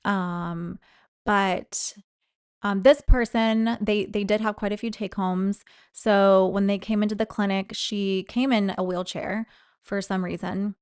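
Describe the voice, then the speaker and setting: A woman telling a story in a casual chat, her voice smooth and resonant. She is animated and breaks into high-pitched impressions of the people she describes. The sound is dry and close. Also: measured pace, dry recording. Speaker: guest, former clinic employee.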